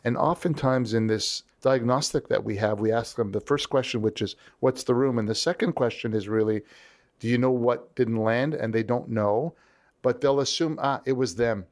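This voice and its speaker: A man talking as an interview guest, with an animated storytelling manner. He acts out the voices of people he quotes, and his pitch moves around a lot as he explains his points. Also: moderate pace. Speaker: leadership strategist guest. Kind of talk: conversational interview.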